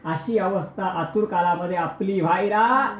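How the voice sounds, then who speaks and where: A man's voice: sits high, moderate pace. A man giving a devotional sermon, telling stories, speaking straight to his listeners and breaking into chanted verses. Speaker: kirtan preacher. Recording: echoey, dull lo-fi recording.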